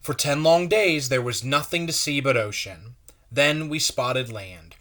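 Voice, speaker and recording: A man with an average male pitch reads a story for young listeners, sounding like a pastor. He speaks very slowly and deliberately, expressive in a way aimed at children.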